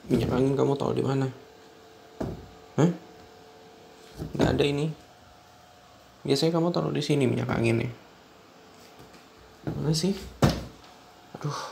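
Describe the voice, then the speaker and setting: A man's voice: mid-range voice, gravelly, background noise. A young man acting out a stern, controlling husband in an ASMR role-play, talking in a lecturing, repetitive way. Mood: worried.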